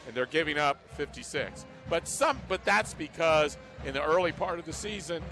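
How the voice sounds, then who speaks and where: A man's voice: fairly high pitch, expressive, normal speed, music in the background. An American man giving live pre-game basketball commentary as a play-by-play announcer.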